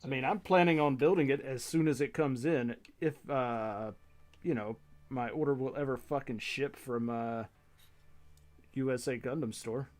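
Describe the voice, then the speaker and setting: A man hosting a relaxed build stream, chatting easily and laughing along. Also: mid-range voice, normal speed. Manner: relaxed, laughs easily, enthusiastic about kits. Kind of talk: casual chat.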